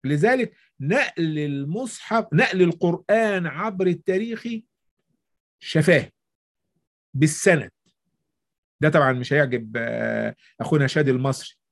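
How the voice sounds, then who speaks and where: A man's voice: a little high, expressive, moderate pace, long pauses. A man with an Egyptian Arabic accent hosting a discussion, explaining at length and answering his own rhetorical questions. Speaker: discussion host. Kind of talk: explanatory debate talk.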